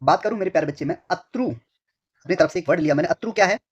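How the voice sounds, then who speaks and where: With a husky, high voice and a very fast delivery, a male tutor runs an online exam-prep lesson. He asks and answers his own questions, repeats phrases several times, and speaks affectionately to his students, recorded in dull lo-fi quality.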